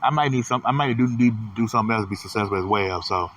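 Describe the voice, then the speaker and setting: A man's voice: lowish voice, fast. A man in his thirties giving a rambling, repetitive, profane motivational monologue as a podcast host. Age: 30s. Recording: distant mic with loud vehicle noise.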